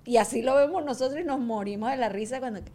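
A middle-aged woman chatting casually on a podcast, telling animated stories and acting out the people she quotes. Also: fairly high pitch, fast talker. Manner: animated storyteller, acts out quoted voices. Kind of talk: casual chat.

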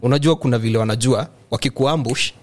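A man's voice: mid-range voice, quick pace. A man with a Kenyan accent telling a casual, comic anecdote among friends, acting out lines and sounds as he goes. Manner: animated, acts out lines and sounds. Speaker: storyteller in a group conversation.

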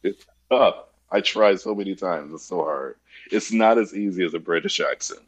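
A man's voice: low voice, moderate pace, breathy edge, poor audio. An American man chiming in agreeably during a casual film discussion.

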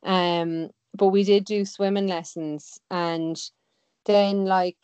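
A woman's voice: on the low side, fairly even intonation, slow pace, darkish tone, clear, resonant tone, dry recording. A woman in her thirties with a west of Ireland accent, chatting casually and informally in a slightly dull recording. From Galway, west of Ireland. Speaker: interview guest, sea swimmer. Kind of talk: casual chat.

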